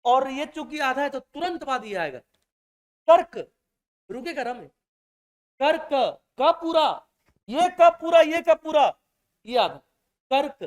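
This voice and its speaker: A man's voice: extremely high pitch, a bit bright. A man teaching a Hindi exam-prep class in a classroom. He repeats each point and keeps checking that his students follow. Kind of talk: classroom lecture.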